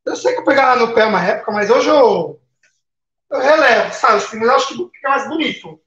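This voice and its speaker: A man's voice: very high-pitched, expressive, fairly quick, a bit bright. Brazilian male live-stream host, chatty, friendly toward viewers, roomy and slightly muffled stream audio. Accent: Brazilian Portuguese. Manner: chatty, greets viewers by name, tag questions.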